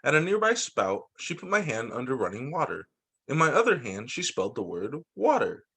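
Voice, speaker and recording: Speaking briskly at a medium pitch with a breathy edge, a male teacher reads a picture book aloud to a class of young students. He brings expression and small asides to the reading. He stays animated, explaining and checking in with his young audience.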